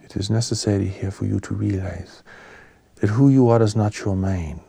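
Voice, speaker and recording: Here a spiritual teacher gives a sermon with a lowish, soft voice that becomes breathy as phrases finish. His delivery is calm, gentle and solemn, in short, measured bits, and the recording is dry.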